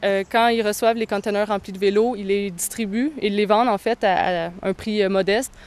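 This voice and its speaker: A young woman, answering interview questions thoughtfully, with frequent pauses. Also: medium pitch, steady tone, a little mellow, clean tone. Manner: thoughtful, hesitant, many pauses. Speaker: touring cyclist interviewee.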